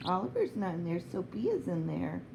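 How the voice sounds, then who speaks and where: A woman's voice: fairly low pitch, big pitch swings, moderate pace, vocal fry. A woman talking affectionate baby talk to her pet bird, cooing short phrases. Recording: noisy home recording with bird chirps.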